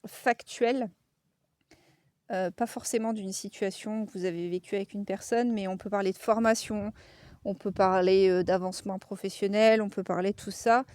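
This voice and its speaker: A woman's voice: mid-range voice, steady tone, normal speed, darkish tone, no room sound, clean studio sound. A woman with a Lorraine French accent giving a casual oracle card reading, chatty and frank, with frequent fillers.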